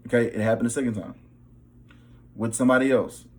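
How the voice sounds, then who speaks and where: Here the same young vlogger, speaking fast in a mid-range, darkish voice with fairly even intonation, recounts his spiritual testimony. He stays casual and emphatic, peppering his talk with "bro" and "okay" while checking in with the audience.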